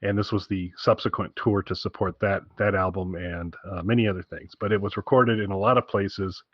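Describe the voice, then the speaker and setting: Speaking low and fairly quickly, with mostly even intonation, a podcast co-host rambles happily about music picks and tosses in wry remarks. There's no room sound, and the audio comes across dull.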